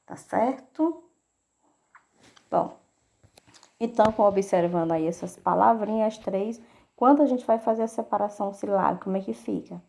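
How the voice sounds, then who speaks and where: A woman's voice: mid-range voice, normal speed, gravelly, long pauses, dark tone. A woman teacher with a Brazilian Portuguese accent giving a recorded lesson to children, patiently checking in with "né?" and "tá?". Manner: patient, repeats "né?" and "tá?" to check understanding.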